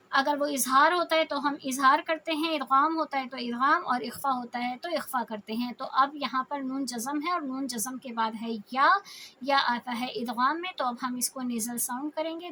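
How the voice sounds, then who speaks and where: A woman leads a tajweed reading lesson in a high, clear-toned voice. She explains each rule patiently, one step at a time. She slowly draws out the example syllables to show how they should sound. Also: pushed and bright, a little hiss or hum. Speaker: Quran teacher.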